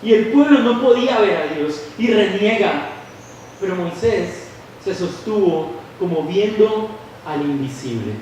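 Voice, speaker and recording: A young man with a Colombian Spanish accent preaching a sermon, animated, acting out the voices of people in his stories. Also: high voice, unhurried, a little hiss or hum. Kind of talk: sermon with storytelling. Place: church hall. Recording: echoey hall from far off.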